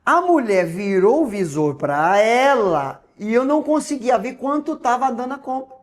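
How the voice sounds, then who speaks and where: Speaking at a normal speed in an extremely high pitch, this man, a Brazilian Portuguese-accented pastor, relates a personal testimony during an interview. He dramatizes the dialogue, alternating between loud and hushed delivery.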